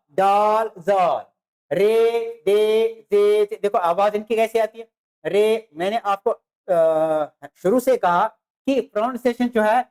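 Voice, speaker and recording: A teacher giving a beginner lecture on the alphabet, naming letters slowly one by one, repeating them and speaking straight to the students. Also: medium pitch. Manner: addresses students directly with "dear students". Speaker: Urdu teacher.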